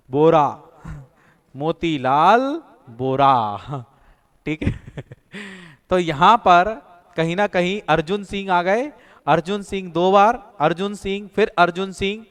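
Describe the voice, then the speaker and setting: A man's voice: high voice, clean tone. A male coaching teacher giving an online exam-prep lesson, using stories and repetitive memory drills. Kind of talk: online class lecture. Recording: echoey room with long reverb.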